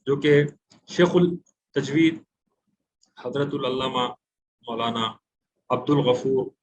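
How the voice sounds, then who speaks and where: A man with a Hyderabadi accent teaching recitation rules in an online class, speaking patiently, pausing often and explaining with examples. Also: fairly high pitch, slight background noise, rough recording. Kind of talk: explaining a lesson.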